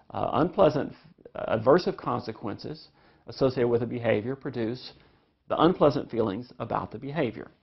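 A man with a gravelly voice teaches a parenting lesson, explaining step by step with examples. He now and then acts out parents and children. The recording sounds dull and lo-fi. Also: mid-range voice. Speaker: parenting instructor. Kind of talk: recorded parenting class lecture.

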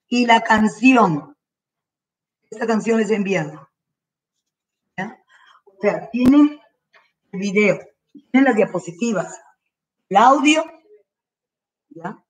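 A woman's voice: mid-range voice, distant mic, poor audio. Strained-voiced woman teacher, off-mic. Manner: slow, careful, repeats instructions. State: straining her throat. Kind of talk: online class instructions to parents. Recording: voice from away from the mic.

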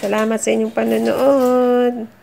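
Middle-aged woman, gravelly, friendly how-to vlogger, recorded on a phone. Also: a little high, level tone, measured pace, warm tone, slight background noise. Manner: chatty, encouraging, addresses viewers as guys. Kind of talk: casual how-to vlog. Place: under a kitchen sink at home.

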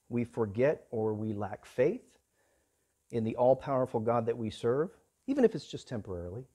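A man's voice: medium pitch, darkish tone. Earnest male preacher. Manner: earnest preaching, rising and falling in volume. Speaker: pastor. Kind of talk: sermon.

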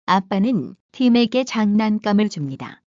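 A woman reads brief translated sentences in a plain, matter-of-fact voice at a mid pitch. The audio is dull and lo-fi, recorded dry and close. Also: big pitch swings, moderate pace, dark tone, dry recording. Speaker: translation reader. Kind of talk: reading short translations for a lesson.

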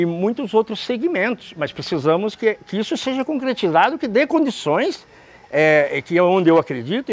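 A Brazilian man, a restaurant owner in his fifties, answering interview questions in a halting way with many restarts, recorded indoors in a large restaurant. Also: on the high side. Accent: Brazilian Portuguese. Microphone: camera close framing, seated.

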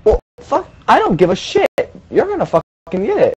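A man's voice: extremely high pitch, huge pitch swings, quick pace, a little mellow, breathy edge. A young man bantering casually with a streamer friend, blunt and teasing, swearing heavily. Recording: noisy home stream audio.

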